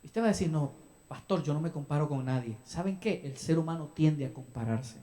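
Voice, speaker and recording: In a church sanctuary, a young pastor from El Salvador preaches a sermon, addressing the congregation with questions and acted-out asides. His voice is fairly high with a dark tone, and his delivery is brisk.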